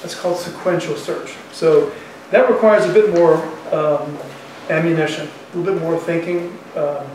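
A man in his sixties, a university economics professor, gives an informal lecture in front of a chalkboard, chatting colloquially and thinking aloud. His voice is fairly high and a little mellow, with fairly even intonation and a moderate pace. The echoey classroom is captured by a distant mic with faint noise.

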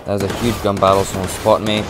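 A gameplay commentator with a fairly low, flat voice talks fast in a very noisy recording. He gives casual let's play commentary, rambling and talking through his moves as he plays, restarting often and losing his voice.

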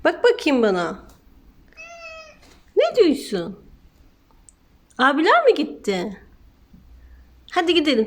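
A woman at home talking to her cat in coaxing baby talk, cooing and sing-song. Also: high-pitched.

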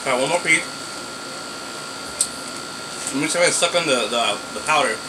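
A man in his thirties giving a casual snack review to camera, talking haltingly and chattily as he eats crunchy chips. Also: mid-range voice. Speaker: food review vlogger. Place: small bedroom, indoors. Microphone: phone at arm's length or propped nearby. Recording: noisy room with steady background hum.

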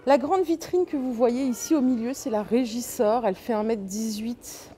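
A woman talks her viewers through a big furniture store in a casual, enthusiastic vlog. Her voice sits a little high and sounds mellow rather than bright. A faint hum of store ambience runs underneath. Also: moderate pace. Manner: chatty, enthusiastic, lists prices and sizes with fillers. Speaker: shopping vlogger. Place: inside a large furniture store.

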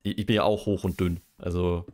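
A young man with a low, slightly mellow voice and little pitch movement talks fairly quickly during a casual gaming livestream. Joking and chatting, he reads quiz questions aloud and muses over how to answer.

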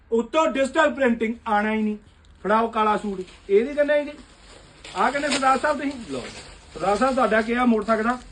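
A man, a shopkeeper giving a loud live sales pitch for suits in his basement clothing shop, calling out prices rapid-fire.

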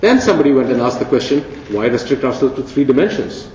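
A man's voice: mid-range voice, very animated, fast talker, a little mellow, slight background noise. Man, keynote lecture, playful and conversational, distant mic, echoey hall, dull sound. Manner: playful, conversational, asks rhetorical questions. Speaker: keynote speaker. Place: large conference hall.

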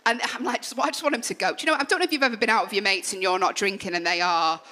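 A young woman with a Mancunian accent performing a live stand-up comedy set on a club stage, chatty and full of quick asides, with the audience laughing. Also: medium pitch, pushed and bright. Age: young adult. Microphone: stage microphone.

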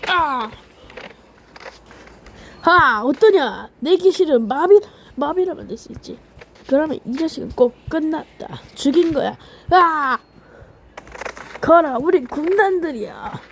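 A woman playing a game on camera, yelling and cursing while acting out lines for the characters in her match. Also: sits high, animated, slow pace, long pauses, slight background noise. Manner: shouty, swears, switches between playful role-play and yelling. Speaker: gaming YouTuber. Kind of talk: excited gameplay commentary with role-play voices.

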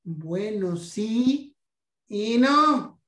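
A Mexican man, a guest numismatics lecturer, gives a history talk about coins in a high, lively, slightly bright voice. He speaks haltingly, stumbling over repeated words and filling gaps with "este." The room has a roomy echo.

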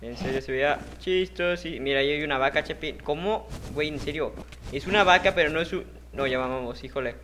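A man's voice: on the high side, fast, few pauses, a bit bright, a little hiss or hum. A young man with a Mexican accent giving jokey, slangy let's-play commentary, talking to himself and his viewers. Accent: Mexican Spanish. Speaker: gaming youtuber.

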